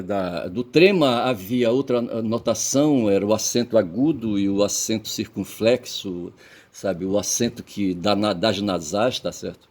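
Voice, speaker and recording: A man with a Brazilian Portuguese accent and a somewhat low voice talks in a rambling, lecturing vlog monologue. He keeps checking in with "tá certo?" and "sabe?", letting his phrase endings fade, with the odd casual curse. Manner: digressive, peppered with "tá certo?" and "sabe?", trailing off quietly at phrase ends. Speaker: vlogger.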